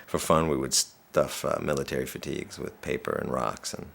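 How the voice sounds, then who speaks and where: Guy doing a bitter soldier, super deep gravelly voice, kinda bright edge. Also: fairly even intonation, normal speed, full character voice. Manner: dark, profane, bitter. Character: bitter male soldier, dark humor. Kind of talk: dramatic monologue.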